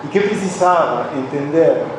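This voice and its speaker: A middle-aged man delivers a reflective, confessional philosophy lecture with a slightly high voice. He is caught from well back in a strongly reverberant hall, and a steady background noise sits under his words. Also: normal speed. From Argentina. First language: Spanish. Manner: reflective and confessional, with frequent restarts. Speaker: conference speaker, philosophy professor. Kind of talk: personal academic lecture. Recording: very echoey hall, voice from a distance, audible background noise.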